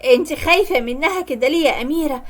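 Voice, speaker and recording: An eager Egyptian young man in love, voiced by a woman in a cartoon story. He reassures and pleads in a high voice. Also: quick pace, natural voice. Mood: reassuring. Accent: Egyptian Arabic.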